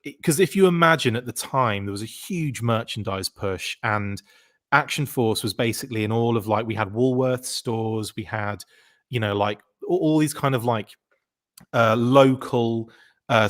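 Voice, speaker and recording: A man's voice: mid-range voice, normal speed, a bit bright. A man in his forties, a podcast guest, telling childhood stories in casual chat, full of fillers and restarts.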